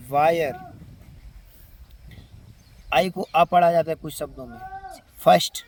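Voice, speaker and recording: A man with an Indian Hindi accent teaching English letter sounds, repeating example words one by one. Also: on the high side. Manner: slow, drawn-out word-by-word pronunciation drills. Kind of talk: spoken phonics lesson.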